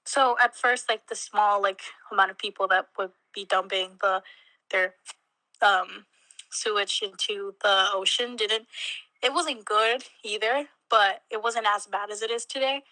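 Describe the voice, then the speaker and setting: Chatting casually in an interview, this young Mexican college student fills her speech with fillers and small laughs. Her voice is medium in pitch, steady in tone and measured in pace, with a pushed, bright quality. The audio is rough and has no room sound.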